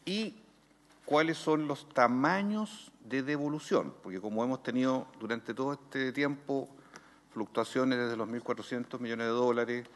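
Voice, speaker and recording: A man with a Chilean accent chairing a senate committee, pressing detailed questions at a brisk pace. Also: medium pitch. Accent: Chilean Spanish. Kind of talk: formal committee proceedings. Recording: long reverb in a hall.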